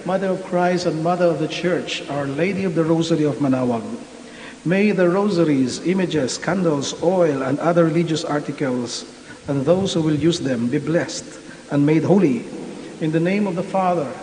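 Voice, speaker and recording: A man, a priest intoning prayers in a measured way at an online Mass, his voice carrying a cathedral echo. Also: fairly high pitch, a little mellow. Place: large church. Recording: echoey hall with faint hiss.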